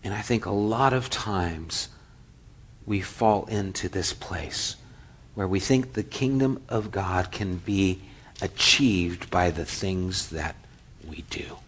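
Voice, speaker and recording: Animated storytelling pastor, a man. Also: low voice, takes it slowly, slightly rough. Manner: animated storyteller, acts out quotes, drops to a near whisper. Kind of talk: sermon storytelling.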